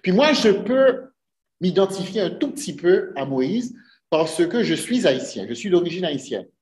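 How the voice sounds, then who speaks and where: This preacher's high-pitched, slightly mellow voice swings widely in pitch, and he takes his time. Addressing his congregation in an echoey church sanctuary, he is earnest and often asks rhetorical questions.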